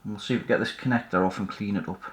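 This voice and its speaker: This electronics repair host races through his casual, tentative thinking-aloud while working at an indoor bench. His lowish voice holds a steady tone, and the echoey room adds slight background noise.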